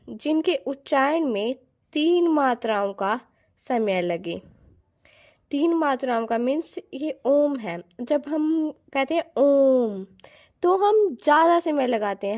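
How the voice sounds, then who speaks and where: Woman teacher, online grammar lesson, somewhat high voice, restates every point patiently. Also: lively intonation, darkish tone. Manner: sounds out letters slowly as examples.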